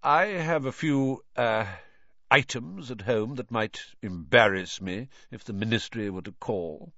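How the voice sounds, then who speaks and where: A man's voice: mid-range voice, a little slow, fairly bright tone, dry recording, highs cut off. A man voicing a cold, haughty aristocratic wizard father who speaks in a clipped, disdainful way.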